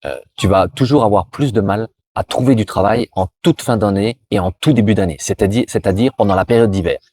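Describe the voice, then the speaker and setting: This French career advice host speaks a little fast in a lowish, mellow voice. Addressing the viewer directly with informal tips, he frequently restarts sentences and repeats words.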